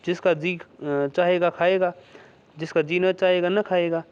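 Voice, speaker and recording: A man's voice: high voice, steady tone, a little slow, clear, resonant tone. A man voicing a firm, dismissive middle-aged village mother in a read-aloud story. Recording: dull lo-fi recording.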